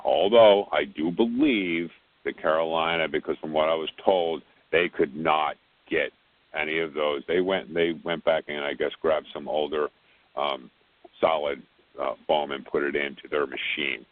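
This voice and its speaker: A man's voice: rumbling low, steady tone, moderate pace, no room sound. A man heard over the phone, leading a casual technical briefing and rambling with repeated words on a tinny phone line. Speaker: technical support lead on a conference call.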